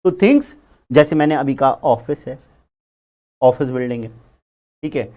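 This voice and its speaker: Animated male accounting teacher. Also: mid-range voice, normal speed. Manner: animated, repeats key words, chatty. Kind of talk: classroom lecture.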